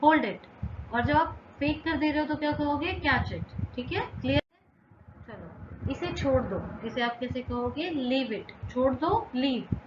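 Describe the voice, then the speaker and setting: A woman English teacher speaks very deliberately, repeating each short phrase and answering her own questions. Her voice sits a bit high. The recording is dull and roomy, with a steady hum of noise behind her. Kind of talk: slow, repetitive spoken-English lesson.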